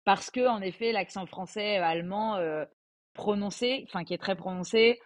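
A French woman in her twenties, a podcast guest, chats casually at a moderate pace in a medium-pitched voice. She sounds hesitant and uses lots of fillers.

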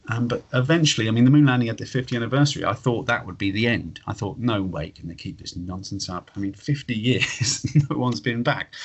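A man's voice: medium pitch, husky. A man in his late thirties explaining his views in a casual, matey, rambling conversational way. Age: late 30s. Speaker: interview guest, flat earth believer.

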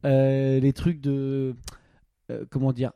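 A man's voice: mid-range voice, monotone, takes it slowly, dark tone, clean tone, no echo. A young man co-hosting a podcast from home, rambling in casual chat with crude jokes and lots of fillers. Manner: rambling, crude joking, many fillers and restarts. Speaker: podcast co-host. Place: home during lockdown. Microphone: studio microphone.

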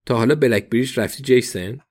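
A man's voice: medium pitch, darkish tone, close to an everyday voice. A man voicing a dry police detective who asks pointed questions in a read storybook. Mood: probing.

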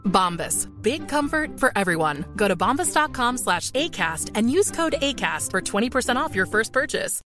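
A woman reads a closing ad tagline in a bright, upbeat way. Her voice is fairly high and lively, and faint music plays behind her. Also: moderate pace, hardly any pauses. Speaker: ad announcer. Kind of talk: scripted ad tagline.

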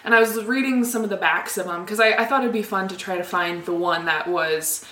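A woman's voice: mid-range voice, a little fast, bright, forceful tone. A woman co-hosting a casual podcast chat, talking loosely with many fillers and frequent laughs. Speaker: podcast co-host. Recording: echoey room with faint ambience.

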